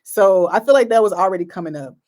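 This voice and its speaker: A woman's voice: medium pitch, quick pace, a little mellow. A woman giving a casual channeled tarot reading, chatty and rambling, with many fillers and restarts. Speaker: psychic tarot reader.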